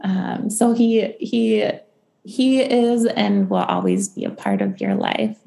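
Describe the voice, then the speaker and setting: A woman hosting a podcast and giving an intuitive reading, gentle and halting with many pauses and ums, speaking reassuringly. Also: medium pitch, wildly swooping pitch, vocal fry.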